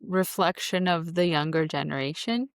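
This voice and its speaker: A woman's voice: fairly low pitch, normal speed, no echo, studio quality. A woman in her thirties co-hosting a podcast, chatting casually and giving blunt opinions. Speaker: podcast co-host. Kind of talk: casual chat.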